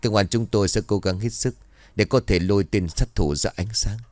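A man's voice: on the low side, fairly quick, a little mellow, no echo, natural voice. A man voicing a stern middle-aged village police officer who reports the facts in a formal, matter-of-fact way. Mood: grave, official.

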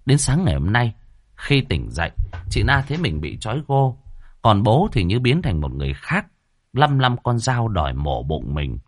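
A man's voice: lowish voice, big pitch swings, moderate pace, no room sound, studio quality. A man telling a ghost story in scripted, dramatic narration.

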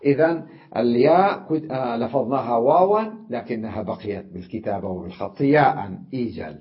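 A man teaching an Arabic grammar lesson, explaining patiently and repeating example words slowly. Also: medium pitch, lively intonation, lo-fi sound.

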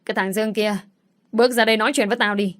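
A woman voicing a protective older father who cares deeply for his daughter in an audio story. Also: fairly even intonation, very fast, close to an everyday voice. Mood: enraged. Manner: fatherly, caring, then cursing in rage.

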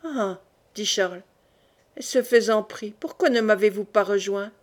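A woman reads an audiobook role as a young French king, stern and suspicious, probing his court with quiet menace. She delivers it a little slowly at a medium pitch, acting it only lightly.

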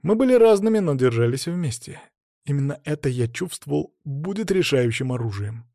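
Dry, even male audiobook narrator. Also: a little high, moderate pace, no room sound. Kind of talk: first-person scripted narration.

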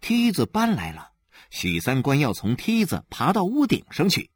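A male storyteller reading a novel aloud, his pitch rising and falling dramatically. His voice has a husky edge. The recording is dry and close, with no room sound. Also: normal speed, no echo. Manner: animated storytelling, many voices. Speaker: audiobook narrator. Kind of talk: expressive literary narration.

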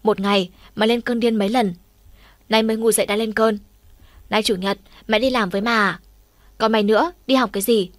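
A woman doing a gruff, sarcastic middle-aged mother. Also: fairly high pitch, steady tone, brisk, pauses often, no echo, close to an everyday voice. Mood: sarcastic scolding. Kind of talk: audiobook dialogue.

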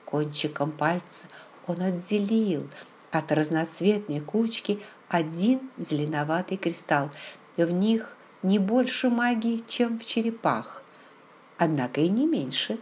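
Slow, low-voiced woman reading a novel. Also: expressive, darkish tone, a little hiss or hum. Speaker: audiobook narrator. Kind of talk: scripted literary narration.

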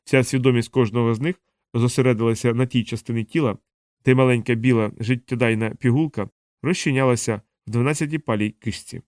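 A man narrating an audiobook in a measured, steady reading voice, close to the mic. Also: mid-range voice, no room sound. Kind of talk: scripted narration.

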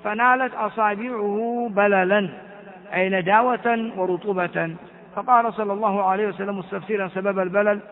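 A man from Ethiopia teaches hadith at a brisk clip, with a voice that sits high for a man. He repeats key phrases and puts questions to his students. The sound is thin and tinny, like a phone line. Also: steady tone. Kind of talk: classroom hadith commentary.

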